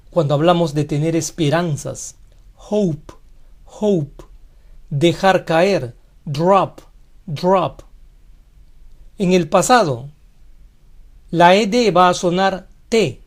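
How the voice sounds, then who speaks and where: Very slow, deliberate language teacher voice. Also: mid-range voice. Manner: slow, deliberate, repeats each model word twice. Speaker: English teacher. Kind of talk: scripted pronunciation lesson.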